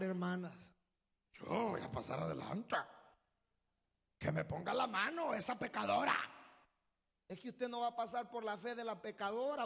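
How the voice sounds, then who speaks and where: Fervent male pastor, high and gravelly, slow and shouting, in an echoey church hall. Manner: fervent, calls out to the congregation, shouts and draws out phrases. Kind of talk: sermon.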